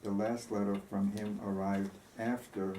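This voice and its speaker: A man reading as a slow-speaking, grieving woman. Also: fairly low pitch, little pitch movement, warm tone, natural voice. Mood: tender, wistful. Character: tender, grieving woman recalling her lost love. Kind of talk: storybook reading. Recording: roomy echo, faint background noise.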